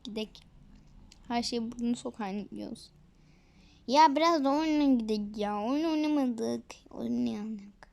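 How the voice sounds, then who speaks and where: A woman's voice: a little high, unhurried, vocal fry, pauses often, darkish tone. A woman casually commenting on her game for viewers, chatty and often dropping to a whisper. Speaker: gaming video creator.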